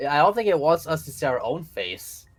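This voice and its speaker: A man's voice: on the high side, moderate pace, soft background music. A young man joking and swearing through casual gaming commentary while playing along with a friend. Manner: joking, profane, animated. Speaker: gamer co-player.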